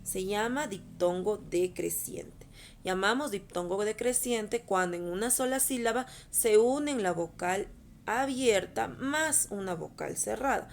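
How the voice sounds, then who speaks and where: A woman's voice: mid-range voice, measured pace, gravelly, a little hiss or hum. A woman teacher patiently explaining a lesson to schoolchildren, often checking in with short questions. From Peru. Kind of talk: recorded online class explaining over slides.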